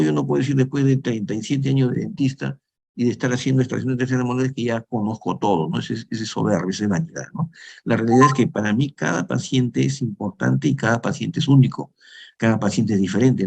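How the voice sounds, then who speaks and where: A man in his fifties from Peru lectures on dentistry in a relaxed, conversational manner. His voice has a gravelly edge, and he keeps checking in with his listeners as he explains each point. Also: medium pitch. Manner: conversational, frequent tag questions, restarts. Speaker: dental lecturer. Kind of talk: lecture with slides.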